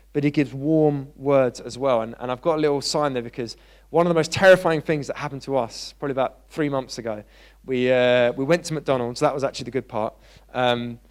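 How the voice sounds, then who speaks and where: Guy preaching at church, casual chatty sermon, gets lively telling a story. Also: mid-range voice. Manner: conversational preaching, animated when telling stories. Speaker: pastor.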